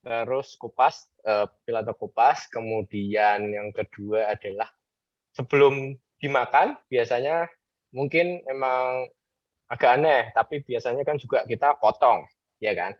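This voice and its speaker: A man's voice: mid-range voice, measured pace, no room sound. A man casually explaining a group ice breaker on a video call, chanting the lyrics as he demonstrates. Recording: dull lo-fi video call audio.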